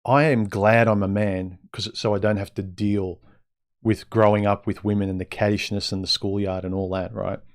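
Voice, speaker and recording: A man's voice: lowish voice, level tone, normal speed. A man hosting a casual livestream monologue in a blunt, conversational way, his speech slightly impeded as if he had a mouthguard in. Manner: blunt, conversational, rhetorical questions. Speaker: livestream host giving dating advice. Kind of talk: casual opinionated monologue to live chat.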